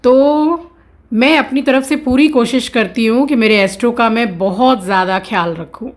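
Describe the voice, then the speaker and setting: A woman with a fairly high voice speaks to viewers in a casual home vlog. She explains pet care in an earnest, steady way. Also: normal speed. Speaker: vlogger.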